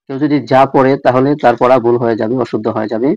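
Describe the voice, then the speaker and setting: A man teaching Quran recitation rules, repeating each letter sound slowly and speaking directly to viewers. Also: mid-range voice, steady tone, a little mellow, no echo, muffled recording. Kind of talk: tajweed lesson.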